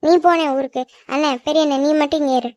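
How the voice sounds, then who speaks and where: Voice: high-pitched, fairly even intonation, quick pace, a little mellow, dry recording, clean studio sound, close to an everyday voice. A performer voicing the youngest child of a cartoon family, pleading and whiny with the older brothers. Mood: tattling. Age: child figure. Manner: pleading, whiny sibling talk. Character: youngest child sibling, clingy and sensitive. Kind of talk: cartoon voice acting.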